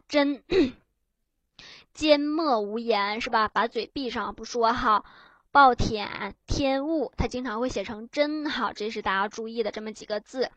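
A woman's voice: a little high, fairly bright tone, no echo. A woman teacher giving an exam-prep lecture, explaining patiently and tagging her phrases with little "ha" fillers. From China.

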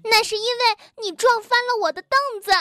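A woman doing a shrill scolding little rabbit. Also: expressive, slow, bright, forceful tone, no room sound, full character voice. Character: small rabbit, fussy and quick to scold.

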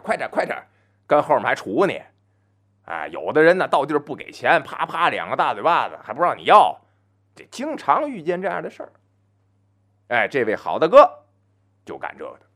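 A man telling a traditional folk story on his own, chatty and full of asides, slowing down to chant opening verse. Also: medium pitch, fairly bright tone. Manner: chants verse slowly and grandly.

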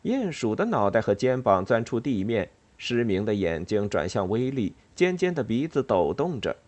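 A man reads a children's animal story aloud, his pitch rising and falling freely. The voice sits mid-range and has a husky, slightly rough grain. It is an expressive, lively telling. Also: normal speed. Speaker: narrator. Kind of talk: storybook narration.

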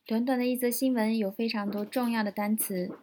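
A woman teaching English vocabulary from a news story, explaining words step by step, spelling them out slowly and repeating them. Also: a little high, fairly even intonation, darkish tone, a little hiss or hum, low-quality recording.

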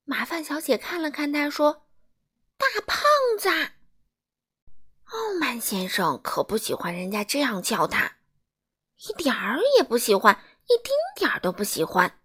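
Female storyteller for kids, animated, bright and expressive. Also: on the high side, moderate pace, breathy edge. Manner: lively, expressive, dramatic. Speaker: storyteller for children. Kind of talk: children's picture-book reading.

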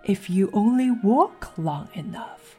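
A woman voicing a sly grinning cat in a storybook reading, drawing her words out slowly with hushed, teasing whispers. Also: mid-range voice, expressive, soft background music.

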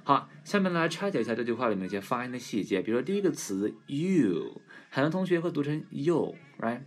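A man teaching English pronunciation in a casual lesson, stretching model words slowly and clearly. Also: mid-range voice, very animated. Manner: slow drawn-out model words.

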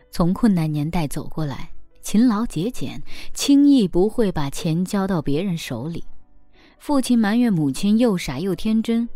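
A woman's voice: medium pitch, dark tone, no echo. Woman narrating an essay over music. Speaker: podcast host. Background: faint background music.

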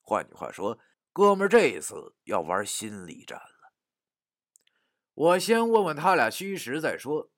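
A man narrating a first-person story, dramatic, dropping to a hush and rising to shouts. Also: on the high side, a little slow, pauses often, no room sound, studio quality. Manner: animated, dramatic, swings from hushed to shouting.

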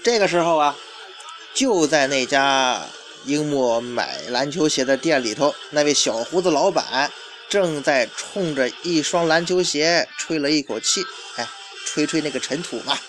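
A man's voice: a little high, animated, measured pace, a bit bright, faint music behind. A man narrating a story in a chatty storytelling style, dragging out particles and asking rhetorical questions.

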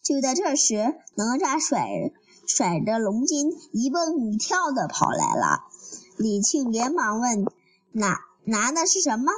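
A woman reading a children's story aloud in a halting way, with fillers and restarts. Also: on the high side, huge pitch swings, slightly rough, poor audio.

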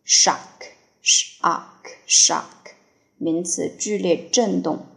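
A woman's voice: lowish voice, drawn-out words, vocal fry. A woman teacher reading English vocabulary for dictation, spelling and repeating each word before giving its meanings.

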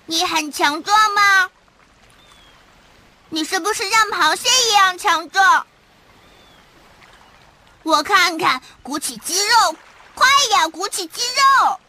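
A little baby crab in a children's cartoon. The voice is tiny, very high and sharply bright, with slow emphatic phrasing. The crab sounds childlike, eager and boastful. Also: female voice, expressive, no room sound, heavily acted. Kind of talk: children's cartoon dub acting.

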